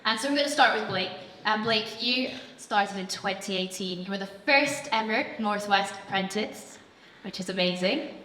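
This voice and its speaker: A woman presents on stage in an encouraging way. Her voice is bright, medium in pitch, and echoes around a slightly noisy hall. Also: normal speed. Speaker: programme staff member hosting on stage. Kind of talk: live stage introduction. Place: large event hall, on stage. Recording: echoey hall, background noise.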